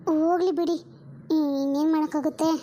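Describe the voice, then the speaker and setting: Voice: high-pitched, steady tone, fairly quick, dark tone, natural voice. A performer voicing an assertive elder sister-in-law in a family drama. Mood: firm.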